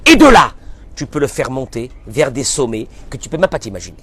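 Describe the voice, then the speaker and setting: Speaking fast with lively intonation in a mid-range voice, a man preaches as a rabbi with real passion. He moves from loud outbursts to soft murmurs and mixes Hebrew phrases into his French.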